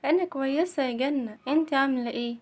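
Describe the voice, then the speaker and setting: A woman's voice: high-pitched, fast talker, a little mellow, close to an everyday voice. A woman voicing a sweet, easily frightened little girl with an Egyptian accent in a children's play-acting story. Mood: childlike. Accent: Egyptian Arabic.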